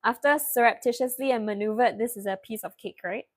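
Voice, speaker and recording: A young woman, tutoring a live-stream spelling lesson. She laughs often, praises students by name and spells words out slowly. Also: fairly high pitch. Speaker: online tutor.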